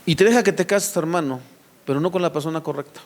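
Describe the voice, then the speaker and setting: A man's voice: fairly high pitch, fast talker. A man preaching a sermon to his church, firing rhetorical questions at the congregation and addressing them directly. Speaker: pastor.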